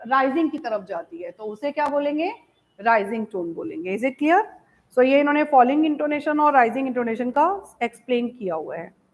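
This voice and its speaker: A woman teacher with an Indian English accent, giving an online class. She mixes Hindi and English, reads key lines out slowly and keeps asking her students whether it is clear. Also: high voice, animated, low-quality recording. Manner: calls students "beta".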